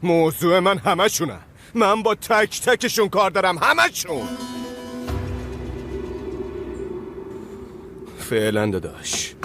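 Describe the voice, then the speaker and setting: An actor playing a volatile, hot-tempered gang boss who shouts threats at his men in a TV drama. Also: sits high, big pitch swings, music in the background. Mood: grim. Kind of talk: TV drama dubbed dialogue.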